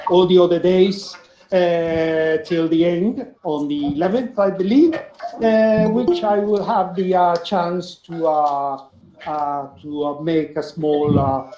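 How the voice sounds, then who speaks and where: A man's voice: a little high, a little mellow. A man on a video call giving brief thanks, hesitant and full of "uh" fillers. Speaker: participant. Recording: dull echoey video call line.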